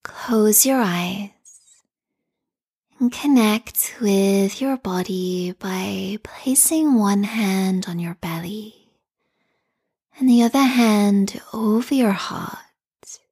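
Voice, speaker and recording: Calm, meditative woman, very slow and breathy. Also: mid-range voice. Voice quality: soft, breathy, whispery. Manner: calm, meditative, soothing delivery. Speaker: guided meditation host. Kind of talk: guided meditation.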